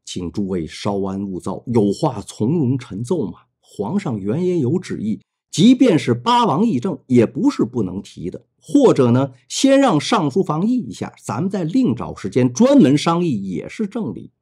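A man's voice: medium pitch, wildly swooping pitch, normal speed, few pauses, dark tone, slightly rough. A man voicing a timid middle-aged prince who stammers and tries to placate. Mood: placating.

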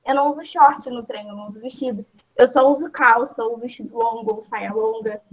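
A woman's voice: fairly high pitch, brisk. A woman telling a personal story in a group session, emphatic and repetitive, with many fillers. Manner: emphatic, repeats herself, fillers like "tipo assim". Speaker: workshop participant. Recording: dull lo-fi audio.

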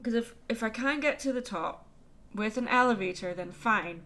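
Playing through a game on camera, this woman keeps up casual chatter and is quick to exclaim when the game surprises her. Her voice runs on the high side, animated and sharp, at a normal speed.

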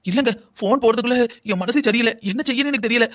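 A voice actor playing an angry middle-aged mother in a cartoon drama, scolding in a rapid-fire way. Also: medium pitch, a bit bright, close to an everyday voice. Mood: grieving. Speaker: bride's mother.

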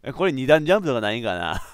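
A man doing excitable let's play commentary, laughing often and yelping when he fails. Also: medium pitch, fast talker. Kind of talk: game commentary.

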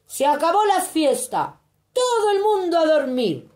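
A woman's voice: extremely high pitch, big pitch swings, a little slow, darkish tone, echoey room, voice pushed up, heavily acted. A woman from voicing a defiant, bossy little boy in a storybook reading. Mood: commanding. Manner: bossy, spirited. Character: defiant little boy who becomes king of the monsters.

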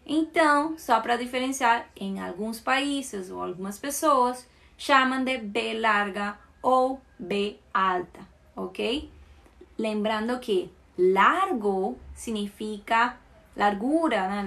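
A Colombian woman, a native Spanish speaker, runs a live language class. She talks slowly and patiently, repeating each word so students can copy it. Her voice sits a little higher than most women's. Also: bright, forceful tone. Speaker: Spanish teacher. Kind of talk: live online language lesson.

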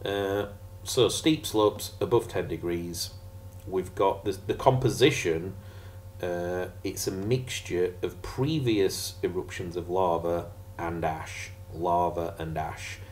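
Deep-voiced jokey teacher. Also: male voice, takes it slowly, darkish tone, slight background noise. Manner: jokey, sarcastic, chatty asides. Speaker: geography teacher. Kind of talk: casual revision lesson over slides.

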